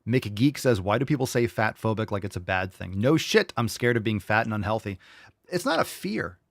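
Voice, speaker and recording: A man's voice: lowish voice, animated, a little fast, gravelly, no room sound, clean studio sound. Blunt, profane male commentary host. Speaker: show host. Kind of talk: casual live commentary.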